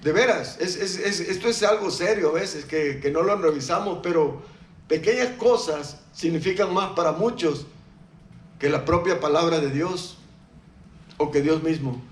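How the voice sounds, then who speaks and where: A man's voice: fairly high pitch, normal speed, slight background noise. A man preaching a sermon in a church, conversational, asking the congregation questions and joking now and then. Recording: echoey church hall.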